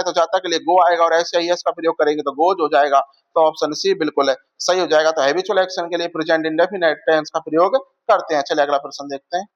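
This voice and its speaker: A male teacher, going through exam questions and quizzing his listeners with repeated questions. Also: sits high. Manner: addresses viewers as friends. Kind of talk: exam prep lesson. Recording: dull lo-fi audio.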